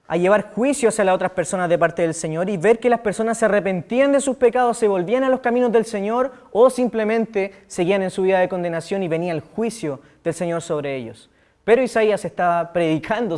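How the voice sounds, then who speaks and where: A young Chilean man preaching a youth sermon, animated, acting out quotes with loud outbursts and quiet asides. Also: sits high, a little fast.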